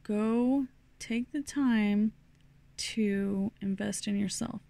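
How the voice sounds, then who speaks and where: A woman's voice: medium pitch, extremely slow, creaky, dark tone, no echo. A middle-aged woman from New Mexico giving a rambling, casual tarot reading full of fillers and restarts. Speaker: tarot reader.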